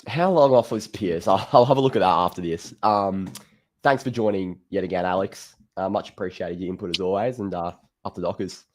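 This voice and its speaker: A laconic Australian man with a fairly low voice hosts a casual fan sports show. He talks in a blokey, conversational way, like he is chatting with mates. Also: a little fast. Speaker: host of a fan call-in show. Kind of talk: casual footy chat.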